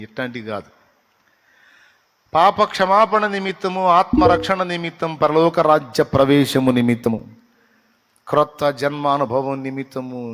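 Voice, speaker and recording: A man's voice: medium pitch, a bit bright. A man preaching a sermon as pastor, often putting questions to his listeners. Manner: preaching with rhetorical questions to the congregation. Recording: long hall reverb.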